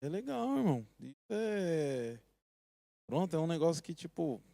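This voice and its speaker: A young man with a Brazilian Portuguese accent, hosting a podcast in a relaxed, colloquial way. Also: a little high, moderate pace, vocal fry, no echo. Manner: relaxed and colloquial, often says "brother" and "irmão". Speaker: podcast host. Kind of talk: casual conversation.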